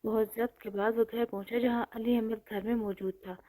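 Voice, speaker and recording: A woman narrating a romantic novel in steady scripted storytelling. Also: fairly high pitch.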